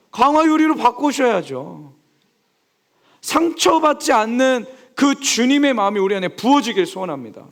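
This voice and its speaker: Young male pastor giving a sermon, high voice with big lively swings, keeps asking the crowd questions. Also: gravelly. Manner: lively preaching, asks the congregation questions; acts out quoted speech with big swings in pitch.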